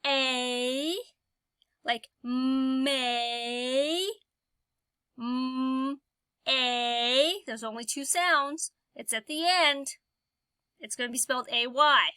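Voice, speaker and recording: A woman teaching a phonics lesson, slowly sounding out vowel sounds and stretching each one out for the learner. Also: sits high, sharp tone, clear, resonant tone, dry recording. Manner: slow, drawn-out sounding of vowels.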